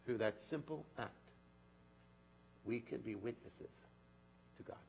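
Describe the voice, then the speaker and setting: A man giving a sermon in a synagogue, telling a story slowly and earnestly, often dropping to a soft, intimate tone. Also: mid-range voice, gravelly, a little hiss or hum, poor audio. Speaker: clergy. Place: synagogue sanctuary.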